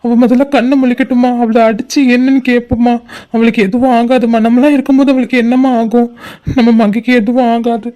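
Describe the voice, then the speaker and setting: A woman's voice: on the high side, level tone, fairly quick, warm tone, close to an everyday voice. A woman voicing an anxious young man in a cartoon drama, questioning urgently and trying to console his mother. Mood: anxious consoling.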